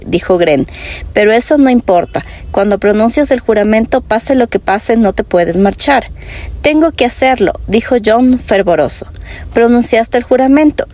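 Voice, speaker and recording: A woman's voice: on the high side, warm tone. A woman from Latin America narrating a fantasy audiobook, reading every character's lines in her own voice with small shifts.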